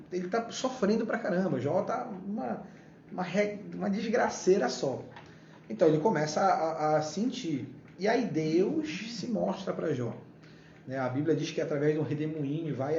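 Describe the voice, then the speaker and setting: Animated man in an echoey room. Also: normal speed, a little hiss or hum. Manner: animated, playfully acting out Bible dialogue. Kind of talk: casual devotional talk. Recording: echoey room, dull low-fi sound.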